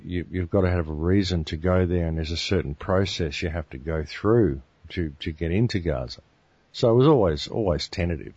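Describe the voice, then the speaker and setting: Deep-voiced Australian man, dry lo-fi sound. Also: breathy edge, no echo. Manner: relaxed storytelling with restarts. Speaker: guest. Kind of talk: casual interview talk.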